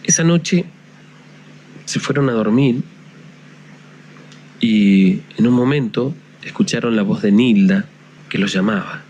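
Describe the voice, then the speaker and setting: A man telling a ghost story in a measured, suspenseful way. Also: lowish voice, a little mellow, muffled recording, a little hiss or hum.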